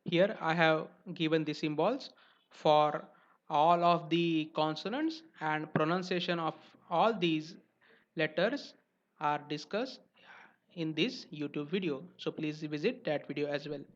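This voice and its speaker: A man teaching letters as a language teacher, speaking slowly and carefully and stressing each example syllable. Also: fairly high pitch. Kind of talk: explanatory lesson narration. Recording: dull lo-fi recording.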